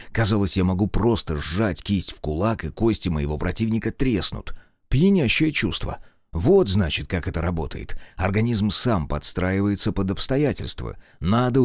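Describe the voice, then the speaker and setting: Lively, low-voiced male audiobook narrator. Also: dry recording, studio quality. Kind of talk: first-person scripted narration.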